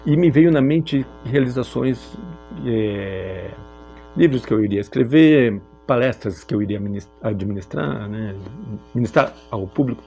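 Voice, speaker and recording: A man from Brazil sharing a personal testimony in a reflective, halting way with frequent filler pauses. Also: mid-range voice, expressive, vocal fry, dark tone, highs cut off, faint music behind. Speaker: speaker sharing a personal story.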